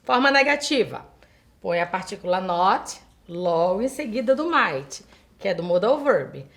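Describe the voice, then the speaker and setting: A Brazilian woman who teaches English, explaining grammar step by step, reading example sentences slowly and translating them for her students. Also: medium pitch, big pitch swings, a bit bright. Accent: Brazilian Portuguese. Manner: addresses students directly, asking them questions. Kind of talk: recorded online school lesson.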